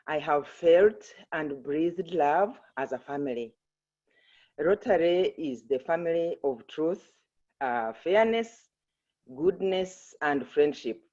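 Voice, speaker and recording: A woman's voice: low-pitched, warm tone, highs cut off. A middle-aged woman from Uganda with a Ugandan accent, sharing a heartfelt personal story with her club. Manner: slow, earnest and heartfelt. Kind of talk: prepared personal remarks.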